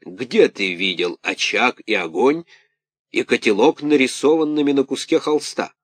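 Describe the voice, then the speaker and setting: A man playing a burly bearded puppet master from a fairy tale, bad-tempered and loud. He barks his words slowly and heavily. The recording is close and dry. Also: medium pitch, expressive, dry recording, pitched above the performer's own voice. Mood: gruff questioning. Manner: loud, slow, barking shouts.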